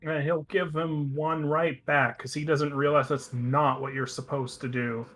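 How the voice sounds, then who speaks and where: A man's voice: fairly high pitch, little pitch movement, unhurried, fairly bright tone, soft background music. A man casually narrating his character's moves in a tabletop role-playing game.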